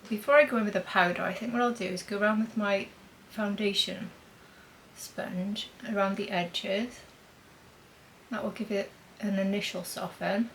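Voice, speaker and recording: A chatty beauty vlogger does a makeup demonstration, thinking aloud as she applies it while talking with a mint in her mouth. Her voice is medium-pitched, steady, fairly bright and moderately paced, on a rough recording with a little hiss or hum.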